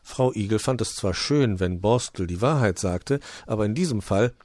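Male narrator for a children's audio story, lively delivery, dry close sound. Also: fairly low pitch, normal speed, no room sound. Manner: expressive, storytelling.

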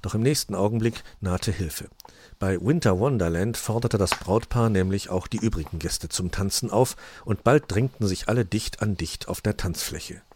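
A man narrating a German-language children's audiobook in a calm storytelling manner. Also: on the low side, moderate pace, slight background noise. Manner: calm storytelling, many voices.

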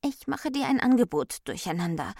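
A woman's voice: fairly high pitch, very animated, brisk, darkish tone, no room sound, studio quality, pitched above the performer's own voice. A woman voicing a fussy, tidy female personification of Order in a storybook, speaking shrilly and indignantly. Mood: bossy.

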